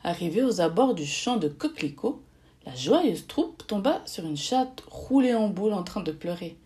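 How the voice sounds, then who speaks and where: A woman reading a children's story aloud, in a lively and expressive way. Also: medium pitch, moderate pace.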